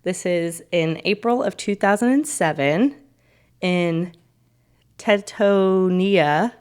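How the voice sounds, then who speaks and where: A woman's voice: fairly low pitch, expressive, a little slow, clear, resonant tone. A young woman co-hosting a podcast, narrating true stories in casual chat with joking asides. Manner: reads story details, breaks off for joking asides.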